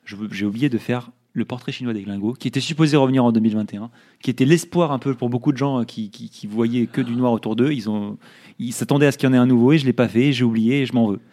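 Quick joky dude cohosting a podcast, self-mocking banter. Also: male voice, mid-range voice, dark tone. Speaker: podcast co-host. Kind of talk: casual banter among friends.

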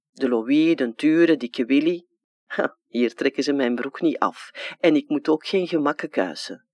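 A childlike, wistful dead man with a Flemish accent, as a reader puts him on. His plain dialect talk leaps high and drops low in lively swings. The sound is dry and close, with no room around it. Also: dry recording. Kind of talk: dramatic literary reading.

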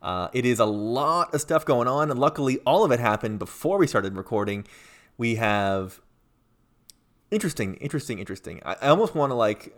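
A man's voice: medium pitch, very animated, a little fast, a bit bright. A man co-hosting a casual sports podcast, rambling with many fillers and restarts. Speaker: podcast co-host.

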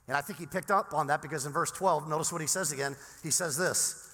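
A man preaching a sermon as pastor, animated, swinging between loud emphasis and near-whispers. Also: on the high side, fast talker, in a large hall.

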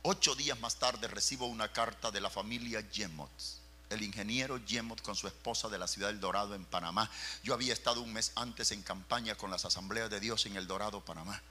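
A man's voice: on the low side, sharp tone, a little hiss or hum. A man, a pastor telling a personal story in a fervent, dramatic sermon, calling his listeners brother.

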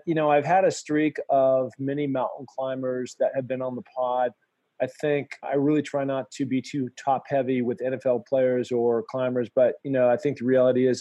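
A middle-aged man hosts his podcast from a home studio, his mid-range voice mellow and free of echo. He chats casually, upbeat and enthusiastic, frequently restarting his sentences.

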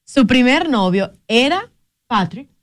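A woman's voice: a little high, very animated, slow, no echo, studio quality. A woman co-hosting a radio talk show, speaking emphatically and addressing the audience directly. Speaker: radio co-host. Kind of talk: casual studio chat.

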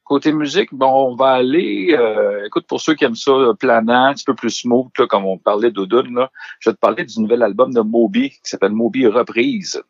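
A man with a Québécois French accent speaking as a radio columnist over a phone line, relaxed and quick to laugh. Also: mid-range voice, no echo. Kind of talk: casual radio chat. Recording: slightly muffled phone line.

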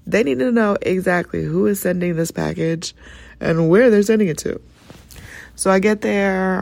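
A woman hosting her own podcast, telling a personal story in a chatty, animated way. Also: creaky, no echo. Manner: chatty and animated, jumps into high voices for quotes. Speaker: podcast host. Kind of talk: casual storytelling monologue.

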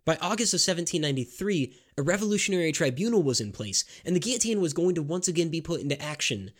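A man narrating a scripted history story in a measured, grave storytelling manner. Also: a little high, animated.

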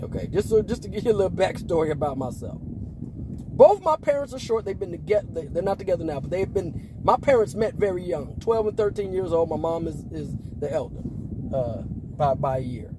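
A man in his forties from Las Vegas who talks like a preacher in a relaxed way. He uses slang, laughs often, and sometimes breaks into emphatic shouts. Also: high-pitched, brisk, noisy background. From Las Vegas, Nevada, US. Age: 40s. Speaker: preacher and podcast host. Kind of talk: casual preaching talk.

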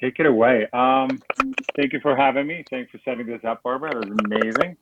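A middle-aged Swedish man, founder of a foundation, is a guest on a casual interview held over a call. He talks fast in a mid-range voice and rambles, full of fillers and restarts, over a tinny, phone-like line with noise.

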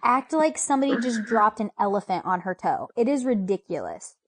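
A woman's voice: mid-range voice, fairly quick, crowd noise. A young woman co-hosting a chat podcast, telling exasperated stories about her toddlers. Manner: animated, exasperated storytelling. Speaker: podcast co-host. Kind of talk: casual chat.

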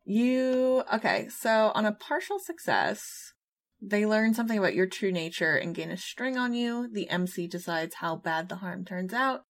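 A woman's voice: mid-range voice, expressive, moderate pace. Playful woman game master. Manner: laughs often, playful and profane. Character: Marco, a conflicted monster hunter. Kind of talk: narrating a tabletop game.

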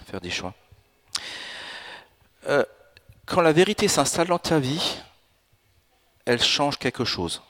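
Animated French preacher man in his fifties. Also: a little high, slow, pauses often. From France and Italy. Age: 50s. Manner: animated, rising to emphatic bursts. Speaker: pastor. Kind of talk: sermon. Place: church in Alsace.

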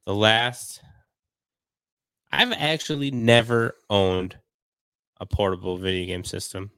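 Casual podcast co-host, young man, low-pitched, easygoing storyteller, dry studio sound. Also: fairly even intonation, takes it slowly, bright, forceful tone, smooth, no room sound. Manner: laid-back storytelling, laughs often. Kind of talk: casual chat.

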